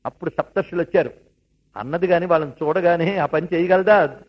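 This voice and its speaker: Husky preacher telling scripture stories. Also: male voice, fairly high pitch, brisk. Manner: animated storytelling with asides to listeners. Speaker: religious storyteller. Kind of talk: devotional discourse. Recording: dull lo-fi recording.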